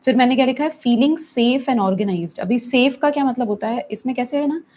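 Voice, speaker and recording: A woman's voice: on the high side, moderate pace, a little mellow, slight background noise. A middle-aged woman therapist who answers viewers' questions in a live teaching session, mixing English phrases into her Hindi. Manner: mixes English phrases into Hindi, acts out stressed parents in a raised voice.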